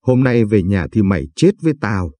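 A man's voice: lowish voice, sing-song, a little fast, dark tone, dry recording. A man reading the part of a brash young husband who swears and bullies. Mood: threatening. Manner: coarse, swearing and bullying.

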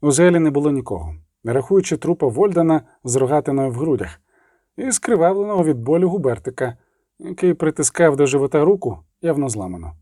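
A man reading a fantasy novel as an audiobook narrator, steady and expressive. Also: fairly high pitch, quick pace, no echo, studio quality. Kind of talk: scripted narration.

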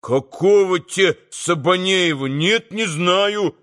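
A man's voice: sits high, takes it slowly, a bit bright, pitched above the performer's own voice. A man reading an audiobook, voicing an agitated, dim-witted young male shop clerk who keeps repeating himself. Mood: confused.

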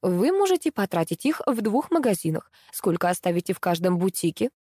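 A woman's voice: mid-range voice, sing-song, brisk, dark tone, slightly rough, no echo, clean studio sound. A woman voicing a stern female show manager who scolds and keeps order. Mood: scolding. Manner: curt, scolding.

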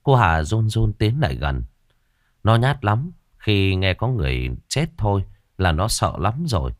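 Male narrator, lowish, animated, dry booth sound. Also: measured pace, no echo. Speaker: audiobook narrator. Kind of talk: storytelling narration.

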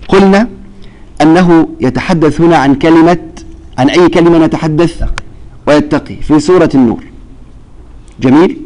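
A man's voice: on the high side, darkish tone, low-quality recording. Questioning male Quran teacher. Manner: explains step by step, checks understanding with questions. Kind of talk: classroom lesson.

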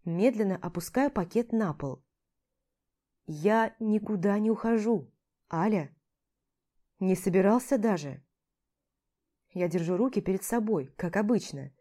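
A woman narrating a first-person story aloud in a steady, expressive reading. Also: mid-range voice, a little slow, long pauses. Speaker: audiobook reader.

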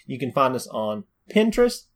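A man's voice: mid-range voice, sing-song, normal speed. Easygoing joking podcast guy. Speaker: podcast co-host. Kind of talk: casual chat.

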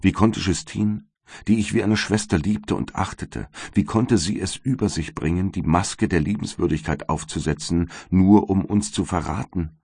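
A gentle young noblewoman in deep sorrow, read by a man. The voice stays very low, pleading softly in a dry, close recording. She belongs to a classic storybook reading. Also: moderate pace, gravelly, slightly rough, no echo, heavily acted. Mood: sorrowful.

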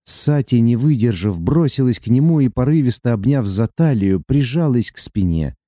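A man narrating a novel as an audiobook, reading in an expressive, dramatic way. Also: medium pitch, moderate pace, no room sound, clean studio sound.

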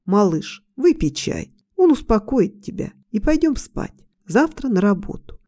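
Tender husband, soft mellow voice, storybook, read by a woman. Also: medium pitch, sing-song, unhurried. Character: caring young husband, gentle man.

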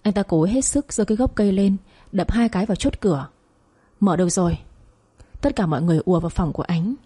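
A woman narrating a dramatic audio story in a steady, emotive way. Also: mid-range voice, rapid-fire, breathy edge.

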